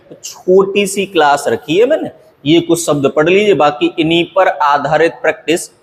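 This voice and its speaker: A man's voice: a little high, big-room sound. A male teacher giving an exam-prep grammar lesson, drilling word pairs in a repetitive way and checking that students follow.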